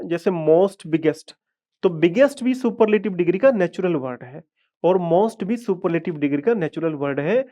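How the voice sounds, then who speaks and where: A man's voice: high voice, darkish tone. Man teaching a live grammar class. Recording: dull lo-fi audio.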